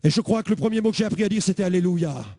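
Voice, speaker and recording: Tell it big: a high-pitched preacher sharing his testimony, bursts of shouting, dry sound. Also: rapid-fire, no room sound. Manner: animated storytelling, bursts of shouting. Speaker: evangelist. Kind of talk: testimony sermon.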